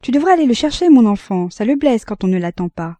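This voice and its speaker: A woman reading an audiobook voices an anxious middle-aged mother with a soft, placating manner. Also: fairly high pitch, big pitch swings, fast talker, no echo, pitched above the performer's own voice.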